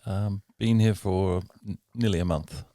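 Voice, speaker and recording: A man's voice: sits low, steady tone, a little slow, mellow, no echo, clean studio sound. A man in his sixties from New Zealand with a New Zealand accent, giving plain, brief answers in a casual interview. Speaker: interview guest.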